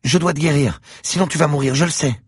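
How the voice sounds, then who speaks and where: Male narrator plays a spooky, insistent little girl in an audiobook, husky and breathy, urgent, repeats herself. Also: on the high side, quick pace, no room sound, studio quality, voice pushed up. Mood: frantic. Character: eerie insistent little girl, night visitor. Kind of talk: audiobook character voice.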